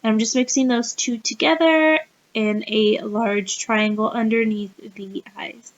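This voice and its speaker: A woman's voice: a little high, steady tone, measured pace. Sick-voiced chatty woman vlogger. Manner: chatty, laughs often mid-sentence. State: sick-sounding voice. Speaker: beauty vlogger. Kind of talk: casual makeup tutorial. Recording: dull, slightly muffled lo-fi recording.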